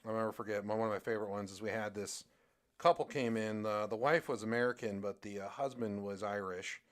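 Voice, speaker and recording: Rambling man chatting while he draws. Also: on the low side. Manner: rambling storyteller with many fillers and restarts. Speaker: streamer and artist. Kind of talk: casual chat while drawing on a live stream.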